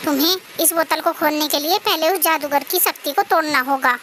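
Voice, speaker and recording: A woman's voice: sits high, fairly quick, bright, forceful tone, a little hiss or hum. A woman voicing a kind female fairy trapped in a bottle in a cartoon story, pleading for help and then gracious. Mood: urgent. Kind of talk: cartoon voice acting.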